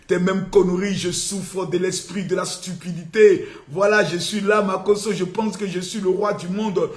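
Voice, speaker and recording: A man hosting a live stream, taunting and shouting in a theatrical, sing-song rant. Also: high voice, fairly even intonation, normal speed, soft background music. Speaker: political live-stream host. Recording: echoey room with faint noise.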